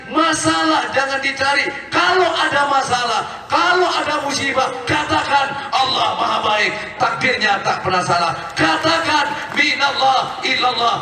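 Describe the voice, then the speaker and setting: A man's voice: very high voice, pushed and bright. A man preaching a sermon to a congregation, emphatic, often firing questions at his listeners. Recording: echoey hall, distant mic.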